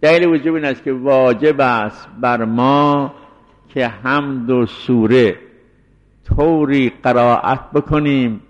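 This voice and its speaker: A man teaching a seminary class in a measured, explanatory way, circling back to restate each point. His voice sits at an ordinary middle pitch. It comes through a dull, lo-fi recording with a long hall reverb trailing each phrase. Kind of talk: scholarly jurisprudence lecture.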